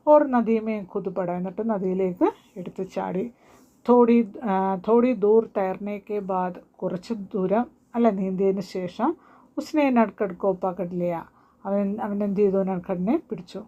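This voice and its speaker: This is a woman teaching a Hindi story to students. Her voice is mellow and relaxed. She reads each line slowly, then goes over it again in simple words and asks questions as she goes. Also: mid-range voice, highs cut off.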